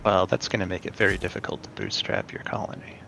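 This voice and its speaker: A man's voice: low-pitched, sing-song, fast talker, vocal fry, sharp tone, slight background noise, rough recording. A man chatting drily while playing a game with a friend, teasing and questioning him. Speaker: co-host and player. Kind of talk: casual gameplay chat.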